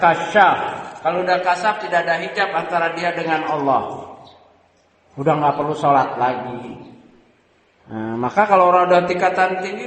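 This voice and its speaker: A man with an Indonesian accent giving a religious lecture, explaining in a measured way with frequent pauses and fillers. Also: a little high. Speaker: preacher. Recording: roomy hall reverb.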